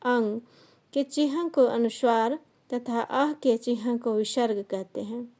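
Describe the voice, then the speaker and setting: A woman teaching a grammar lesson, slowly dictating definitions and listing sounds and example words one by one. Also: a little high, dark tone. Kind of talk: slow classroom grammar lesson.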